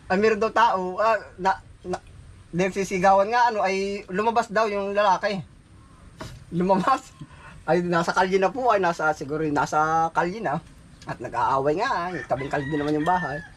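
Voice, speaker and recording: A high-pitched man chats over a meal and spins a long, rambling story, often breaking into laughter. Faint background noise with roosters and chickens sits behind his voice. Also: fairly bright tone. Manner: chatty, laughs often while telling a story. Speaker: vlog host.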